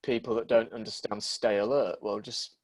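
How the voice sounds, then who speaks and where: A man's voice: lowish voice, level tone, moderate pace, a little mellow. A British man in his early twenties co-hosting a casual chat over a video call, stumbling over his starts before making his point. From Britain. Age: early 20s. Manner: hesitant starts, repeats words, then makes his point. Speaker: podcast co-host.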